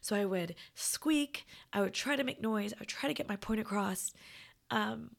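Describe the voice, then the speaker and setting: In a mid-range voice worn raspy and partly gone, a woman hosting a podcast muses aloud. She talks casually in a halting half-whisper.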